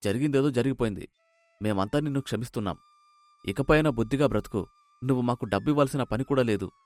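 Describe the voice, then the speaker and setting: A man voicing a remorseful village friend in an animated storybook, speaking in an earnest, apologetic way. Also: medium pitch, fast, dry recording, close to an everyday voice. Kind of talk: storybook voice acting.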